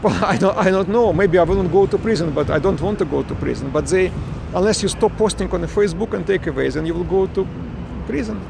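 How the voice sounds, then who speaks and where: Speaking fast in a high, gravelly voice, a Ukrainian parent streams a protest live from a trafficked city street on his phone. The audio is noisy, and his English is broken as he answers viewers, repeatedly starting his words over.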